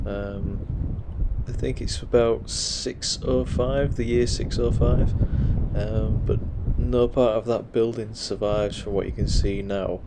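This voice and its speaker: A man narrating a walking tour of a churchyard in a relaxed way, with frequent ums, recorded outdoors on an action camera. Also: lowish voice, slow pace. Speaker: walking vlogger. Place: outdoors in a windy rural churchyard. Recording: loud wind noise on the mic. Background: wind.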